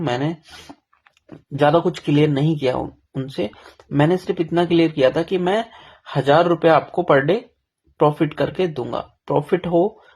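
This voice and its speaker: A young man with a slightly high, gravelly, husky, darkish voice tells his own story in a casual confessional vlog. He's frank and self-deprecating, rambling along with lots of restarts.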